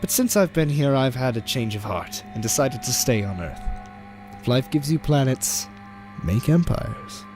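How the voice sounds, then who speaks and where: A man's voice: medium pitch, expressive, moderate pace, natural voice. A man playing a smug, cruel alien megalomaniac in an audio drama, theatrical and disdainful. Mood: bitter recounting. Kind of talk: audio drama villain acting. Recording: fan audio play under loud music.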